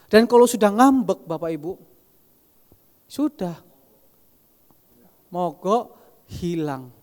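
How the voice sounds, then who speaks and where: A man preaching a sermon, telling stories in an animated way and often addressing the congregation directly. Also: high voice. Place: large church hall. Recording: reverberant church hall.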